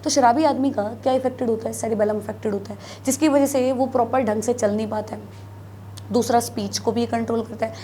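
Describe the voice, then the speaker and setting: A woman's voice: fairly high pitch, fairly even intonation, brisk, warm tone, slight background noise. A woman teaching biology in a classroom lecture, mixing Hindi with English terms, asking and answering her own questions. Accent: North Indian Hindi.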